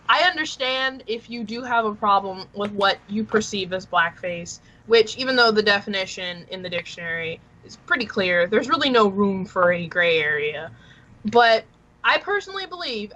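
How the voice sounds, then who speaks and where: A woman's voice: mid-range voice, sharp tone, a little hiss or hum, poor audio. A woman cosplayer and commentator on a podcast, blunt and opinionated. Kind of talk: casual podcast chat.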